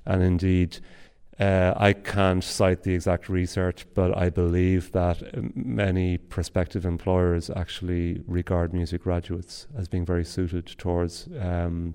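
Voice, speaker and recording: A man's voice: low-pitched, vocal fry, dark tone, smooth. A male music academic giving formal, thoughtful interview answers with some restarts.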